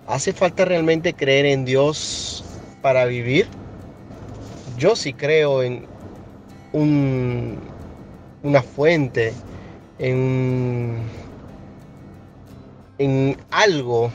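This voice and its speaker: A young man with a Venezuelan accent, leaving a voice message with a question and pausing to rephrase his thoughts. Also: medium pitch, slight background noise. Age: young adult. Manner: searching, thoughtful, pauses to rephrase. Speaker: caller.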